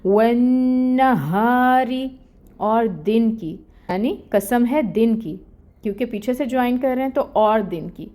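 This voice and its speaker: A woman's voice: a little high, mellow. A woman teaching Quran recitation rules, explaining each letter patiently and step by step. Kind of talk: step-by-step tajweed lesson.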